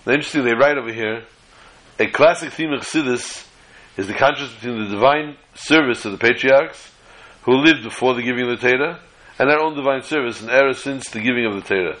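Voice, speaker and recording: A man with gives a religious lecture as a rabbi, reading and explaining texts deliberately and repeating phrases for emphasis. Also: medium pitch, a bit bright, low-quality recording. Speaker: rabbi giving a Torah lesson.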